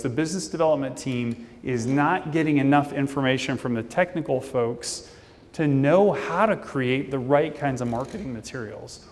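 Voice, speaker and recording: Man, conference speaker, conversational with fillers, slightly high voice, long hall reverb. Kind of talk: conference presentation.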